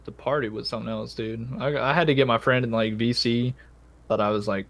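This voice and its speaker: Young male podcast host, mid-pitched, rambling, profane and self-deprecating. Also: steady tone, fairly quick, vocal fry, a bit bright. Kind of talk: casual chat.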